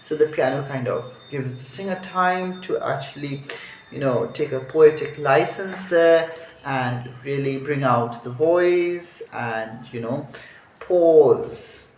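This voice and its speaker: A man's voice: a little high, takes it slowly, darkish tone, a little hiss or hum. A man teaching a song, explaining each phrase, thinking aloud and correcting himself. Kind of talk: music lesson walkthrough. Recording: roomy echo.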